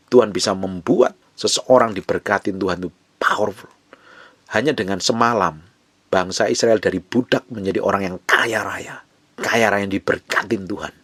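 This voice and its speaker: Fervent husky-voiced male preacher. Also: lowish voice, no echo. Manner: fervent, repetitive, swings between loud urging and hushed whispers. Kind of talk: sermon.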